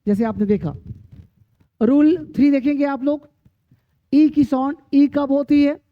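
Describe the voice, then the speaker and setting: A woman with a high voice teaches pronunciation at an unhurried pace, drilling long lists of words and answering her own questions. Her voice is dry and close, with a dull, lo-fi sound. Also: dry recording. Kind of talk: classroom-style lesson.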